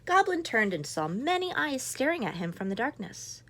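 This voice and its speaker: A woman's voice: fairly high pitch, very animated, normal speed, a bit bright. A woman in her thirties, a mother, reading a children's picture book aloud with playful asides to young listeners. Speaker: children's story reader, mother.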